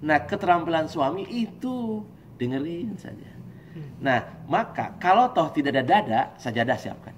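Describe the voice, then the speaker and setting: A man preaches at a religious study gathering. He talks in a lively, joking way and mimics husbands and wives. His voice sits a little high, with a faint room hum behind it. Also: normal speed.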